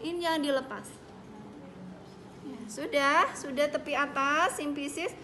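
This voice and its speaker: A woman's voice: sits high, steady tone, measured pace, sharp tone. A woman instructor demonstrating a prenatal exam step by step and checking that her students understand. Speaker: midwifery instructor. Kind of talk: hands-on clinical demonstration. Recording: echoey room with background noise.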